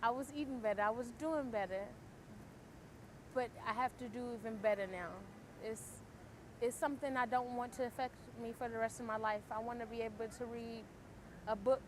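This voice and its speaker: Halting young woman, traffic behind. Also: fairly high pitch, steady tone. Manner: slightly halting, with restarts. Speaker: stroke survivor. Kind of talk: personal testimonial.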